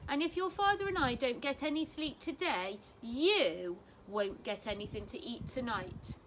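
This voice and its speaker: A woman reading a storybook, voicing a tired, firm mother barn owl who speaks briskly. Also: fairly high pitch, animated, fairly bright tone, a little hiss or hum, low-quality recording.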